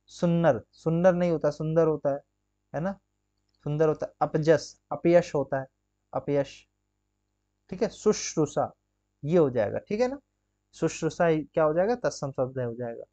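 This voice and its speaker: A man's voice: fairly high pitch, lively intonation, moderate pace, pauses often, warm tone, dull audio. Man drilling a grammar lesson. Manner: drills with rhetorical questions and frequent check-ins. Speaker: Hindi teacher. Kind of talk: exam-prep grammar lesson.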